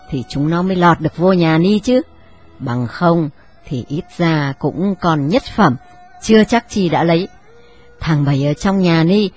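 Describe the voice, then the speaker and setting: Một người phụ nữ đọc truyện, đóng vai bà cụ già nghiêm khắc hay rầy la con, giọng miền Trung. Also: female voice, on the low side, a little mellow, husky. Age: older. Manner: scolding, lecturing. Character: old matriarch, stern and moralizing.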